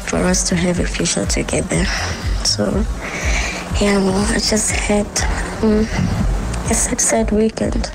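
A woman's voice: mid-range voice, steady tone, unhurried, gravelly, long pauses, low-quality recording. A woman hesitantly confiding in a radio phone-in, her voice disguised with a chipmunk, helium-like effect. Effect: voice altered to a chipmunk, helium-like sound. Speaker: anonymous radio caller. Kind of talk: personal phone-in confession. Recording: radio phone-in over music bed.

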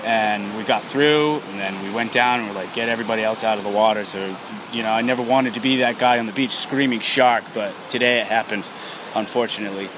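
A shaken, halting man speaking as an eyewitness, giving a spontaneous account in a field interview. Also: fairly low pitch. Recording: noisy outdoor field recording.

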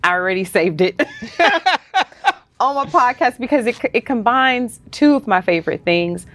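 A woman's voice: on the high side, expressive, moderate pace, fairly bright tone. Playful woman podcast co-host. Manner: playful, laughs often, drawls "honey". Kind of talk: casual podcast chat.

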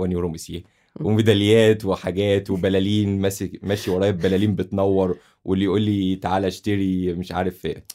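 A young man with an Egyptian Arabic accent tells stories casually as a guest. He talks very rapidly in a low, mellow voice. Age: 20s. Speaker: podcast guest. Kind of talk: casual conversational storytelling.

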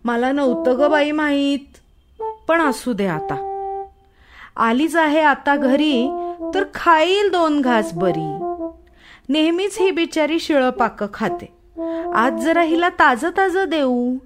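A woman voicing a loud, kindly, fussing mother in a storybook, with shrill exclaiming speech. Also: lively intonation, takes it slowly, pauses often, music in the background.

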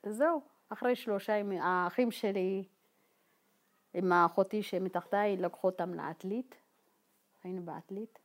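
A woman from Ethiopia telling her own life story to a group in a halting, informal way, full of fillers and re-enacted dialogue. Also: medium pitch, steady tone. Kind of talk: personal testimony told to a group.

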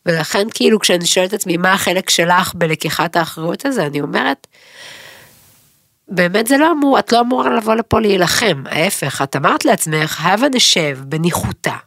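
A middle-aged woman co-hosting a podcast in casual chat, rambling, emotional and quick to joke. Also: lowish voice, expressive, gravelly, a bit bright, no echo, clean studio sound. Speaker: podcast co-host.

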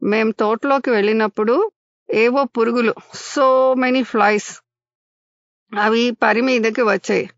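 A woman's voice: on the high side, fairly even intonation, slow pace, long pauses, no room sound. Woman playing a small pleading schoolboy, raised voice, storybook figure, muffled dry audio. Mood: earnest. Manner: pleading explanation. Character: small scared schoolboy, earnest and defensive.

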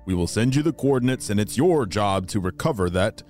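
A man voicing a stern male spy headquarters chief who gives orders, heard as a distant voice over a buzzing message device and speaking slowly and formally. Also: on the low side, lively intonation, darkish tone, soft background music, pitched below the performer's own voice. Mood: commanding. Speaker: podcast storyteller.

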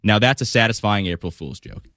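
A man's voice: on the low side, very animated, brisk, sharp tone, no echo, clean studio sound. A male talk radio co-host reading an article aloud, amused and laughing along.

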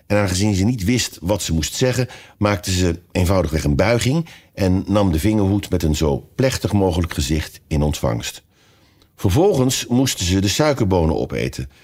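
A man narrating a children's storybook audiobook in an expressive, measured way. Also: low-pitched.

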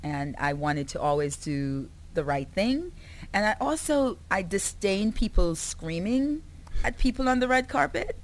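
A woman's voice: medium pitch, measured pace. A woman from the Caribbean, a publicist, chatting in an interview with laughs and repeated words. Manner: animated, laughing, repeats herself. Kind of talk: conversational interview.

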